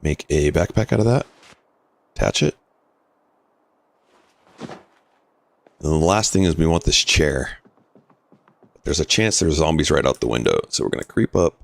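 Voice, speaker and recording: Deep-voiced man streaming a game. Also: a little slow, gravelly, long pauses, a little hiss or hum. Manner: relaxed, explains game rules while answering chat. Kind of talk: casual live-stream commentary.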